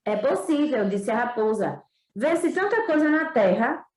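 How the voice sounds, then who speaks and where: A wise, patient female fox from a storybook, voiced by a Northeastern Brazilian woman reading aloud, explaining things in a calm, raised voice. The room adds a roomy echo. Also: a little high, unhurried.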